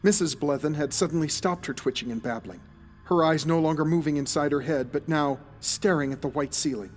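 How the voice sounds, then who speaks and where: Over quiet music, a man with a fairly high voice narrates a scripted horror audio drama at a fairly quick clip. His delivery is dramatic and full of suspense.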